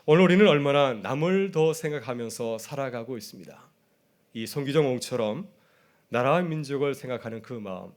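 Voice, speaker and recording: Man preaching a storytelling sermon. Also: medium pitch. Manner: storytelling preacher who acts out quoted voices; asks the congregation questions directly. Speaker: pastor.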